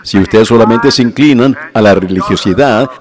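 A man's voice: lowish voice, brisk, crowd noise. A man preaching a sermon to a congregation, often breaking off to ask the listeners whether they see his point. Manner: addresses the congregation directly with repeated questions.

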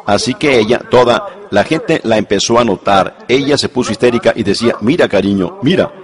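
A man's voice: mid-range voice, brisk. A man preaching a sermon earnestly, telling stories and repeating points for emphasis, in a church before a congregation. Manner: storytelling, earnest, repetitive emphasis.

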